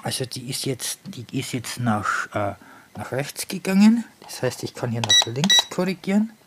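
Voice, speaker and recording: A man giving casual commentary on his hands-on experiments, halting and thinking aloud, often repeating and rephrasing himself, recorded indoors on a handheld camera. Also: mid-range voice, sing-song, heavy background noise. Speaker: hobby tinkerer presenting experiments.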